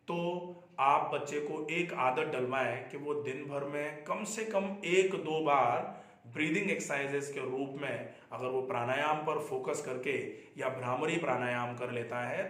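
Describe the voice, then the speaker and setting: A middle-aged man talks as a doctor giving advice to parents, earnest and repeating key points so they stick. His voice sits a little high for a man. The room around him rings with a noticeable echo. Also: fairly bright tone. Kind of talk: explanatory health talk. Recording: echoey room.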